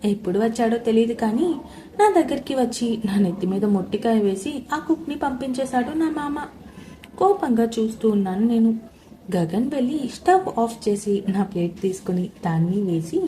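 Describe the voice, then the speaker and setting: A young woman tells a romance story in the first person with a lively, expressive reading. Her voice is mellow and warm and sits a little high, with a faint noise behind it. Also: moderate pace.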